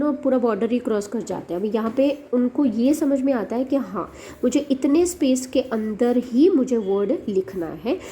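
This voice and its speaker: A woman who hosts a special education channel walks parents through worksheets in Hindi laced with English, hesitating often and leaning on fillers. Her voice is a little high and dark, with some hiss or hum in the audio.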